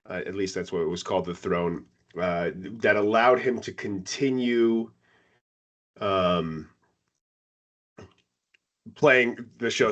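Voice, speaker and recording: A man co-hosts a casual music review show. He tells stories in an animated way, and his pitch jumps up when he gets excited. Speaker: podcast co-host.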